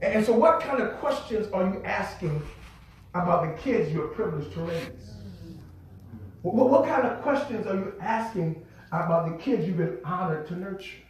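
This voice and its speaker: A man preaching a sermon in a church, emphatic and building to shouts, with restarts and call-and-response. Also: high voice, expressive, moderate pace, a little hiss or hum. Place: church sanctuary. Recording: echoey hall, from a distance.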